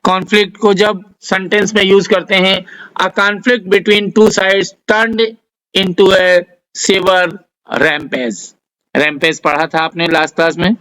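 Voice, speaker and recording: A man with an Indian accent, teaching a vocabulary lesson, dictating word lists slowly and carefully. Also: sits high, little pitch movement, bright, forceful tone, rough recording. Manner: dictates word lists slowly, spells out English example sentences. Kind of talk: slow, deliberate vocabulary lesson.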